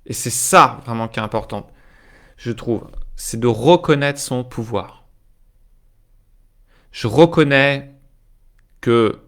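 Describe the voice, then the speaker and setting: A man giving a live-streamed motivational talk as a life coach, talking spontaneously with frequent hesitations and asides to viewers, slowing down to stress key phrases. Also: medium pitch.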